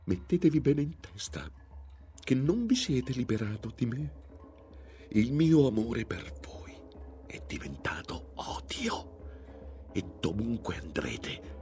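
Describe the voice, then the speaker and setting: A man's voice: very deep voice, unhurried, over music. A man voicing a jealous, scorned middle-aged noblewoman who hisses her threats through clenched teeth in an audiobook. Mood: menacing. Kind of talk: audiobook character voice.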